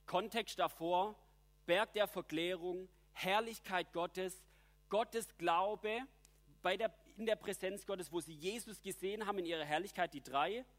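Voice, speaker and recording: A man's voice: high-pitched, unhurried, fairly bright tone. A man preaching a reflective sermon, reading scripture passages aloud and explaining them earnestly.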